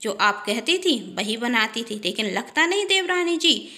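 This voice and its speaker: A woman's voice: fairly high pitch, very animated, moderate pace, bright, forceful tone. A woman voicing a scheming elder sister-in-law who gossips in a coaxing, falsely sweet tone. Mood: complaining.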